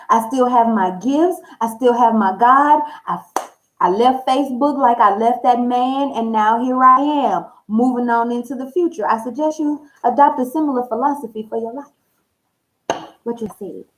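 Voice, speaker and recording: The audio is poor as a tarot reading channel host, an American woman with a slightly high voice, talks to viewers at a measured pace. She tells personal stories candidly and emphatically in salty slang, voicing the dialogue herself.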